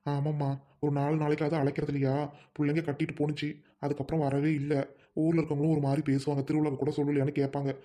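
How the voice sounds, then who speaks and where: A woman's voice: deep voice, little pitch movement, fast, warm tone. A woman playing a poor, kind-hearted village older brother, talking in an earnest, pleading way. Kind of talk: family drama skit.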